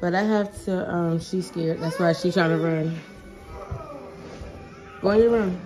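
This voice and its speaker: Over music in a low-quality recording, a young stay-at-home mom films a casual clean-with-me vlog indoors in her apartment living room, phone camera at arm's length. Her voice runs on the low side, unhurried and fairly even, and she rambles chattily with many fillers like "um" and "like".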